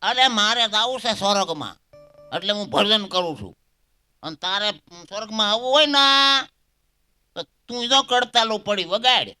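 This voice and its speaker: A man doing a high, bright sing-song granny. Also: expressive, normal speed, clear, resonant tone, faint music behind, full character voice. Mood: chiding. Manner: sing-song, with cymbal-like clinking sounds. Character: doting old granny singing devotional songs.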